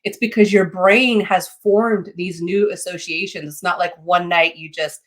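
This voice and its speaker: A woman giving an informal, explanatory lesson as a teacher, phrasing things haltingly and checking in with short tags. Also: fairly low pitch, fairly even intonation. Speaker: teacher of meditation and psychic development.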